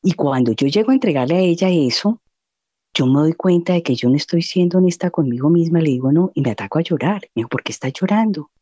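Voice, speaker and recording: Middle-aged woman guest, earnest and reflective, dark mellow tone, dry dull recording. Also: deep voice, lively intonation, fast talker, slightly rough, no echo. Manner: earnest, reflective, with many fillers. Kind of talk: personal testimony interview.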